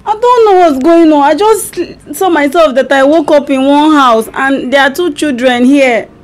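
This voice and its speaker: On a prank call, a woman with a Nigerian accent acts out a puzzled wife pretending to have amnesia, sounding lost and asking question after question. Her voice is high and moderately paced, and the acting is light.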